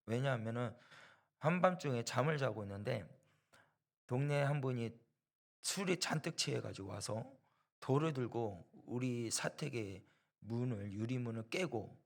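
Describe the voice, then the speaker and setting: A church preacher with a gravelly, rough-edged, mid-range voice delivers an animated sermon at a measured pace. He hammers his points home with repeated phrases and rhetorical questions, and he acts out the voices of people in his story.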